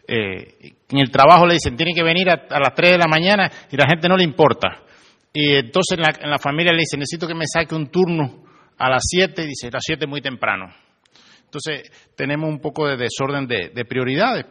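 A man's voice: medium pitch, a bit bright. A man preaching a sermon in a conversational way, often acting out the people he quotes, in a church hall. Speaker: pastor. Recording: long hall reverb.

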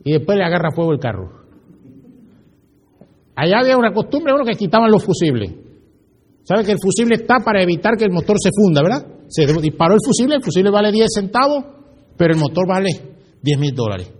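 Guy preaching w a pretty high voice, lively, tells stories and quizzes the crowd. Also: fairly quick, pauses often, slightly rough. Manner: animated, asks the audience questions and tells stories. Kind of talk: sermon to a congregation.

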